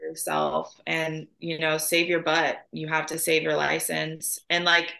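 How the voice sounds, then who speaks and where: A woman nurse speaks frankly and emphatically, urging listeners to stand up for themselves. Her voice is low but bright and forceful. The sound carries a roomy echo. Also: unhurried, creaky. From Chicago area, US. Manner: emphatic, advising. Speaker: nurse guest. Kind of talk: casual podcast conversation.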